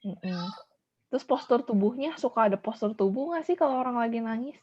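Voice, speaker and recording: A woman's voice: a little high, lively intonation, fairly quick, darkish tone, breathy edge. A woman school counselor leading a class discussion, encouraging pupils and repeating their answers back. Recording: dull lo-fi audio.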